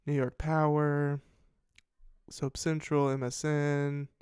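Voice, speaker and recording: A man's voice: fairly high pitch, little pitch movement, slow pace, a little mellow, clean tone, dry recording, studio quality. A man hosting a casual commentary show, rambling and swearing as he reads headlines and reacts with frequent restarts. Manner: rambling, profane, self-interrupting. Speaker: podcast host.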